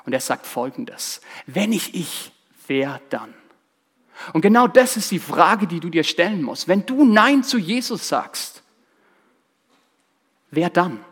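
A man's voice: high voice, very animated, unhurried, fairly bright tone, slightly rough. A man preaching a sermon, speaking emphatically, repeating key phrases and addressing listeners directly.

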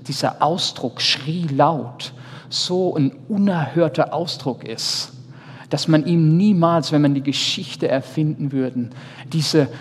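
A man in his thirties, a pastor, preaching a sermon earnestly, speaking straight to his listeners and shifting between loud and soft. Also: fairly high pitch, a little hiss or hum. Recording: reverberant hall, faint ambience.

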